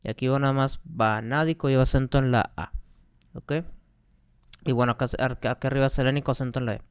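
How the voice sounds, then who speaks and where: A man's voice: medium pitch, steady tone, quick pace, clean tone. A man, a chemistry teacher patiently explaining exercises step by step and asking rhetorical questions. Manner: patient, repeats key points, asks rhetorical questions.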